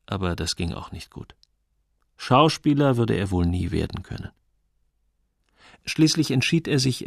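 A man reading a novel aloud as narrator in expressive storytelling. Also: mid-range voice, vocal fry, no room sound, studio quality. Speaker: audiobook reader. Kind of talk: scripted narration.

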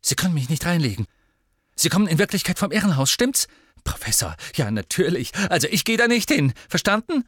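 A suspicious, defiant boy who snaps orders in quick, high bursts, as a male audiobook narrator puts him on. The voice sits well above the reader's own and sounds dry and close. At times it sinks to a feverish whisper. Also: no room sound, lightly acted. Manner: fast, sharp and demanding, dropping to feverish whispers. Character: defiant suspicious eleven-year-old boy, commanding.

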